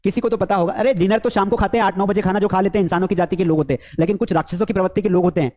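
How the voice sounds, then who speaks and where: A man's voice: high-pitched, steady tone, very fast, darkish tone. A man teaching English in a live online class, with a Hindi accent, coaxing students with repeated questions.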